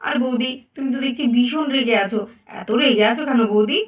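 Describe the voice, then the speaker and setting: A woman voicing a kind young aunt in a doll cartoon who coaxes gently. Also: a little high, fast talker, echoey room, far from the mic, natural voice. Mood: coaxing. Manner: coaxing, gentle. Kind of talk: doll story voice acting.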